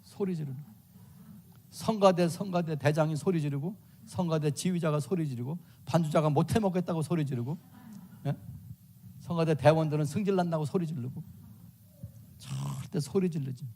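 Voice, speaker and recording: An older man delivers a sermon in a slightly high voice, hammering points home by repeating them. He acts out family quarrels and swings from sudden loud outbursts to soft, hushed tones. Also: normal speed, vocal fry, pauses often, slight background noise. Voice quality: shouts out loud in acted quotes. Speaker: preacher.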